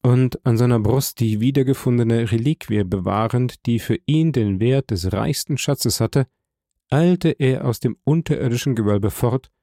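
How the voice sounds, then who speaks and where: Gravelly, mellow male audiobook narrator. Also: medium pitch, moderate pace, no room sound, studio quality.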